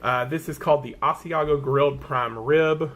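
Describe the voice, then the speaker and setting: A man's voice: fairly high pitch, fairly even intonation, normal speed, fairly bright tone. A man with a Southern American accent chatting casually through a product haul, rambling and correcting himself as he goes. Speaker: vlogger.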